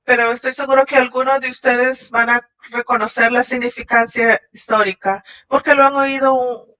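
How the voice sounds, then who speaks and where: A woman voicing a Shabbat message in translation, halting at times and restarting. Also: fairly high pitch, steady tone, bright, forceful tone. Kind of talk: translated sermon voice-over. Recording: dull lo-fi audio.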